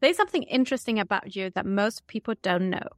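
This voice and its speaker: A woman's voice: mid-range voice, expressive, fast talker, dry recording, studio quality, soft background music. A woman hosting an interview, reading out scripted questions in an upbeat, structured way. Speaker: interview host.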